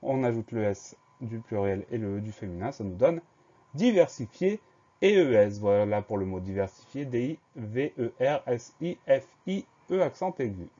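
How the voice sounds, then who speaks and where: Guy teaching a spelling lesson, spells out letters one by one, warm mellow voice, kinda dull lo-fi sound. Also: lowish voice, lively intonation. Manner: slow, spells words letter by letter. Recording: dull lo-fi voice recording.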